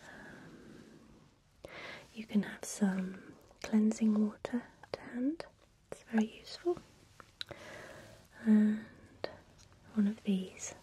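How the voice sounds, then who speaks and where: A woman speaking in a soft, breathy whisper, giving a calm ASMR tutorial as a spa technician. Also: mid-range voice, drawn-out words, pauses often, a little hiss or hum, rough recording.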